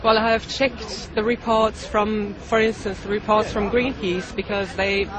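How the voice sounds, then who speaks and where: A man from Norway, answering in a hesitant, halting way during a street interview. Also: high-pitched, little pitch movement, poor audio. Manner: hesitant, halting, searching for words. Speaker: campaigner being interviewed. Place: outdoors in a busy city street. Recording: street recording with crowd noise.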